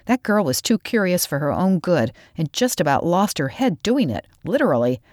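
A woman's voice: fairly low pitch, very animated, normal speed, darkish tone, no room sound, studio quality. A woman reading aloud, voicing a nervous, easily frightened boy who wants to leave. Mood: anxious. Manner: anxious, pleading.

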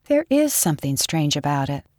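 A woman's voice: low-pitched, moderate pace, no room sound, clean studio sound. A woman reading aloud, voicing a bold, fearless and curious girl who teases her scared friend. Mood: excited. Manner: teasing, excited.

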